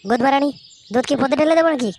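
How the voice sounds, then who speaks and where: A woman voicing a scheming, foul-mouthed male milk seller in a cartoon, cursing fast and crudely. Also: sits high, darkish tone, a little hiss or hum. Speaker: cartoon voice performer.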